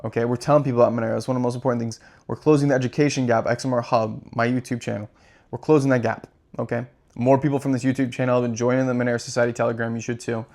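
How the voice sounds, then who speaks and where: Speaking very fast with a darkish tone and a flat, medium pitch, an American man rants on his crypto channel. His impassioned monologue is profane and keeps circling back on itself.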